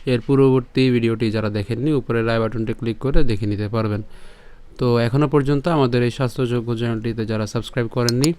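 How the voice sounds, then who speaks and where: A man with a smooth, resonant voice and a Bengali accent leads a pronunciation lesson on sacred verse. He breaks each line into syllables and repeats it patiently, at a measured teaching pace, in a middle-pitched voice. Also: steady tone, darkish tone, no room sound. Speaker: Gita recitation teacher.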